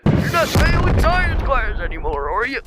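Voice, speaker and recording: A woman's voice: high-pitched, big pitch swings, moderate pace, over loud music. A woman voicing a clumsy old grandmother who fought in a war, in a quavering put-on granny voice during playful game role-play. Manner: quavering put-on granny voice, calls the other "Sonny". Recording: noisy gaming voice chat with clicks.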